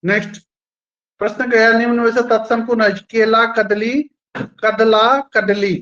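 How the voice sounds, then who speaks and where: A man's voice: high-pitched, level tone, a little slow, a bit bright, dull audio. A male teacher running a live online quiz class, repeating each question and its options and praising students by name.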